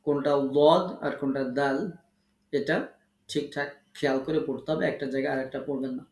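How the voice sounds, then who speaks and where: A man teaching an online Quran recitation lesson, explaining pronunciation rules slowly and repeating them for emphasis. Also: mid-range voice, little pitch movement, reverberant.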